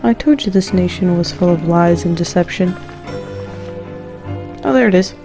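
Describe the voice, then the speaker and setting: A woman game streamer offers casual, joking gameplay commentary, wry and playfully dramatic, over soft game music. Her voice is lowish and she talks at a normal speed.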